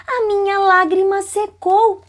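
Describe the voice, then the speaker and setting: A woman voicing a little girl who cries all the time, asking politely for water in a slow, high, pleading voice. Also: level tone.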